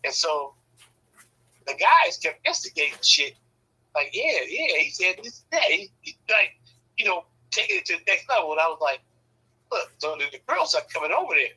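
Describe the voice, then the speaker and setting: A man's voice: high-pitched, sing-song, normal speed, pushed and bright, slightly rough, low-quality recording. A man casually telling a rambling, profane story, often checking in with "right?". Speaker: podcast host telling a story.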